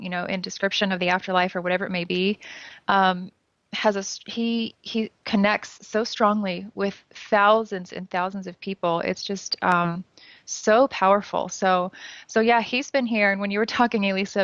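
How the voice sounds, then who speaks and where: A woman's voice: mid-range voice, fairly bright tone, dry recording. A woman who works as a psychic medium, talking earnestly and gushingly in casual chat with many fillers. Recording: dull dry lo-fi sound.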